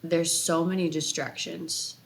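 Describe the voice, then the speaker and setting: A woman in her thirties from Los Angeles, a dancer appearing as a guest on a casual podcast, rambles chattily and fills her talk with "like." Her voice is deep, gravelly, a bit slow and level in tone, with a little hiss or hum in the audio.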